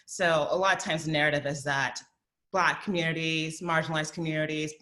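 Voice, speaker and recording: A guest speaker from the Southern United States, a woman with a high, bright voice and level tone, gives a forum talk and answers questions. She's thoughtful, uses many fillers and speaks in quick bursts. There's a little hiss or hum on the recording.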